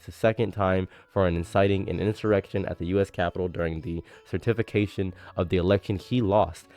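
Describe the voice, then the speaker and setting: Here a streamer and commentary creator, originally from Egypt and in America since age eight, talks politics in a casual, forceful way. His young male voice sits low with a darkish tone, and he at times reads passages aloud and says phrases again for emphasis.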